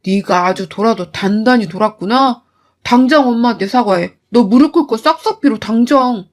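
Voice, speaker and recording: A woman's voice: on the high side, moderate pace, close to an everyday voice. A woman voicing an arrogant husband who orders his wife around, in a storytelling narration. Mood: contemptuous. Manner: bossy, contemptuous. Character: arrogant mama's-boy husband.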